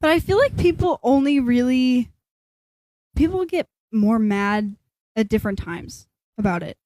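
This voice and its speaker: A woman co-hosting a podcast in casual chat, quick to agree and to throw in questions. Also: fairly high pitch, lively intonation, darkish tone, dry recording. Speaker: podcast co-host.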